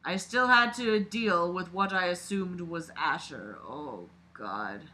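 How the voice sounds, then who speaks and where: A novel gets a dramatic reading here, delivered slowly at medium pitch by an expressive, exclamatory reader. Now and then the reader stops to mock the text and swear.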